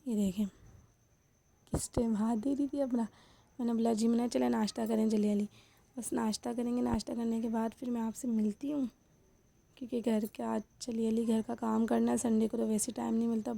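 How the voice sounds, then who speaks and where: A young woman's voice, a touch high and pitched fairly flat, with a gravelly creak running through it. She talks in a chatty home-vlog way, turning often to speak straight to her viewers, with a mellow, unhurried tone. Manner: chatty, addresses viewers directly. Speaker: housewife vlogger. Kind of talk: casual home vlog chat.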